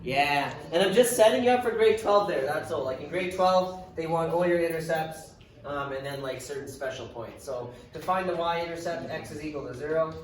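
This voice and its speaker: A man's voice: fairly high pitch, normal speed, far from the mic. A man teaching a math class, thinking aloud as he works through problems, casual with dry sarcasm. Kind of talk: classroom lecture. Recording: echoey classroom from afar, hiss.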